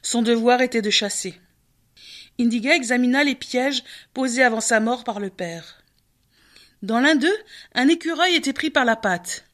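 Woman narrating a folk tale. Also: on the high side. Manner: measured, expressive. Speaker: storyteller.

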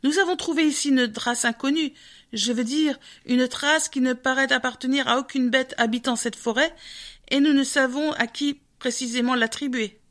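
Flattering sly fox, read by a woman, smooth and humble-sounding, storybook. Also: high voice, moderate pace. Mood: wheedling. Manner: smooth and falsely modest.

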